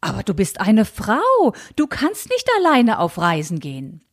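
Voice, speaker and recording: A woman's voice: mid-range voice, huge pitch swings, measured pace, heavily acted. A woman reading aloud and voicing a fussy, anxious, old-fashioned elderly aunt who frets about convention. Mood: fretful. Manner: fretful, scandalized, clinging to convention.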